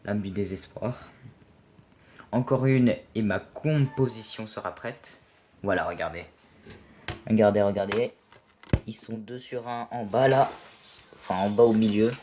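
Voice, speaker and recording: Excitable French gamer with a low voice. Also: male voice, measured pace, long pauses, a little hiss or hum. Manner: playful, excitable, yells and swears at teammates. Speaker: gaming video commentator. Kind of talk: casual gameplay commentary.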